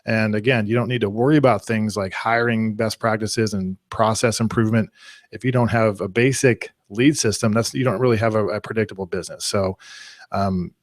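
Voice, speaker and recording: A man presenting a live online marketing class, talking in an energetic, conversational way with analogies. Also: on the low side, fairly quick, no echo, studio quality. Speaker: webinar presenter.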